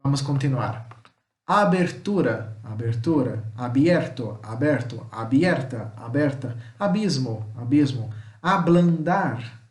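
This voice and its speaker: A man's voice: mid-range voice, warm tone. Brazilian male teacher in an echoey room. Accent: Brazilian Portuguese. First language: Portuguese. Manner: repeats words slowly, checks in with "tá?". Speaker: Spanish teacher. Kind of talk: recorded vocabulary lesson.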